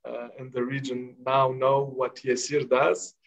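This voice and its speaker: Slow, flat-voiced male moderator. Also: medium pitch, creaky. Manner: slow and searching for words. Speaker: panel moderator. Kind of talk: moderating a panel over a video call. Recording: dull, lo-fi video call audio.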